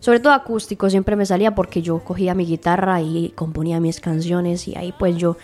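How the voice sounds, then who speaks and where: A woman's voice: fairly low pitch, fairly even intonation, fairly quick, a little mellow. A young woman who grew up in Spain, a singer being interviewed on the radio, talking in a friendly, chatty way with frequent fillers and tag questions. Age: young adult.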